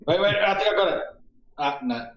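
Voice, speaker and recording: Laughing podcast host in an echoey room. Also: male voice, sits high, lively intonation, brisk, muffled recording. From South Africa. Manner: joking, laughs a lot. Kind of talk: casual chat. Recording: echoey room with faint noise.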